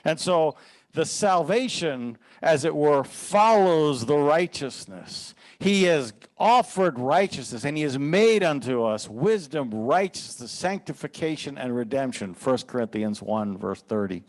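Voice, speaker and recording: A man's voice: fairly high pitch, animated, a little slow. Earnest male pastor teaching scripture. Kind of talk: sermon.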